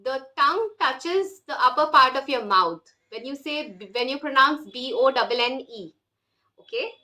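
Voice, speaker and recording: A woman's voice: high-pitched, animated, moderate pace, pushed and bright. A woman teaching a beginner language lesson, explaining patiently and drilling words for the listener to repeat. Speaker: French teacher.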